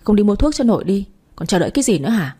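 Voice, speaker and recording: A woman's voice: mid-range voice, big pitch swings, racing, dark tone, slightly rough. A woman reading as a grumpy scolding old grandmother. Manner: scolding, complaining.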